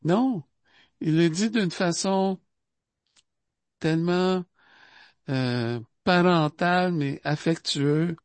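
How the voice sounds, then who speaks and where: A man's voice: a little high, no echo. Man, Québécois accent, informal spiritual talk, chatty asides, dry close sound. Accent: Québécois French. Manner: conversational, repeats itself and fills pauses with asides. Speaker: devotee giving a spiritual talk.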